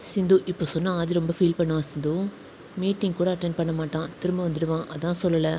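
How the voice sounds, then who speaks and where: A woman voicing Shyam, a young man who calmly and firmly reassures his family. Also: fairly low pitch, fast, slight background noise, close to an everyday voice, low-quality recording. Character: young husband, caring brother-in-law.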